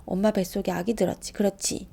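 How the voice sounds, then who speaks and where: A woman voicing an excitable kindergarten boy who blurts questions loudly. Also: mid-range voice, quick pace, gravelly, breathy edge. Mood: curious. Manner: loud, blurting, chattering.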